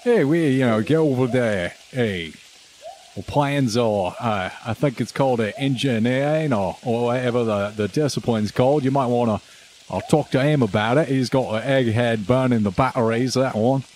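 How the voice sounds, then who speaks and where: A man voicing a friendly fort guard who rambles in a halting way and keeps saying "hey" and "uh.". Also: medium pitch, a little mellow, slight background noise, close to an everyday voice. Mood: folksy, eager. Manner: chatty and halting, full of "hey" and "uh".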